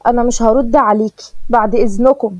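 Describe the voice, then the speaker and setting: A quarrelsome, jealous sister-in-law snaps her accusations in an Egyptian accent, voiced by a woman narrator. The voice is high and warm, and the sound is dry and slightly dull. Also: a little fast, no echo, natural voice. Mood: accusing. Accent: Egyptian Arabic. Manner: sharp, accusing.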